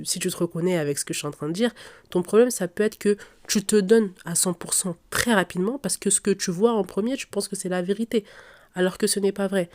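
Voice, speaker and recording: Nasal and stuffed up, the fairly low, darkish voice belongs to a young podcast host fighting a cold and sore throat. She speaks casually and directly, giving advice to her listeners as faint music plays in the background.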